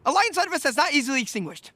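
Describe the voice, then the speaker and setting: A man's voice: very high voice, sing-song, racing, pushed and bright, dry recording, exaggerated voice. A man voicing a nervous, eager teen boy in a cartoon, stammering and eager to please, over music. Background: background music.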